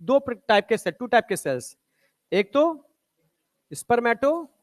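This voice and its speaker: A man's voice: high voice, big pitch swings, normal speed. Male teacher. Coaxing classroom lecture where he quizzes the students. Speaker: biology teacher.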